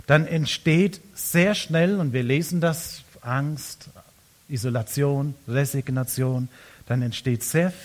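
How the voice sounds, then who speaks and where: A man preaching a sermon as pastor, swinging between loud emphatic lines and hushed quiet ones. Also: medium pitch.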